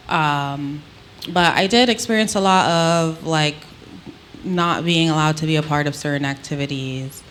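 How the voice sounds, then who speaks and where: Low-voiced woman with an Antiguan accent. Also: a bit bright, a little hiss or hum. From Antigua, Caribbean. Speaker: interviewee. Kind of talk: reflective personal storytelling in conversation.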